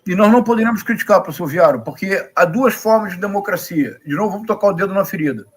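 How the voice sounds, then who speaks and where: Male political commentator, middle-aged, Rio Brazilian accent. Notably high register, lecturing and emphatic, builds points through repetition. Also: fast, breathy edge. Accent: Rio de Janeiro Brazilian Portuguese. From Rio de Janeiro, Brazil. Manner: emphatic, didactic, rhetorical questions and repetition.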